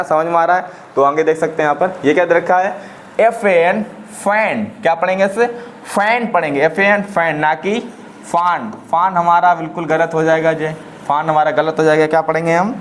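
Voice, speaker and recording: Brief: male teacher, slightly high voice, quizzing style, faint hiss behind. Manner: asks rhetorical questions and repeats answers. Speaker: English teacher. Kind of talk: step-by-step pronunciation lesson.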